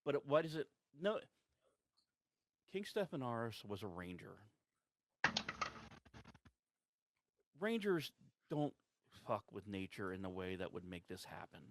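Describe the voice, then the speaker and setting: Man role-playing ancient druid, tabletop game, halting, musing, rambling, thinks aloud. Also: lowish voice, big pitch swings, dry recording. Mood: cautious musing. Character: ancient druid who sleeps for centuries, hesitant, musing. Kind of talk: improvised in-character tabletop role-play.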